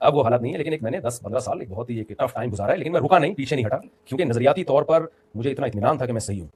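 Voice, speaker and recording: A man's voice: medium pitch, expressive, very fast, a little mellow, breathy edge. A middle-aged man with a Pakistani Urdu accent, a religious scholar answering interview questions in an emphatic, lecturing way with joking asides.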